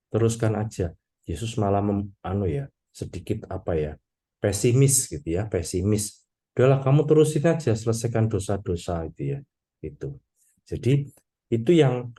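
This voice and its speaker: Low, mellow-voiced priest giving a sermon. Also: male voice. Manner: conversational, peppers talk with "gitu ya" and "ya toh"; addresses congregation as "Bapak Ibu".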